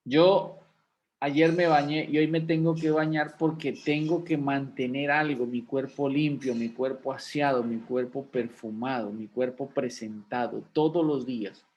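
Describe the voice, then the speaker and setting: A man's voice: mid-range voice, steady tone, a little slow, a little mellow, lo-fi sound. A man, a pastor teaching a class in a conversational sermon style, often checking in with rhetorical questions. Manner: folksy, asks rhetorical questions of listeners.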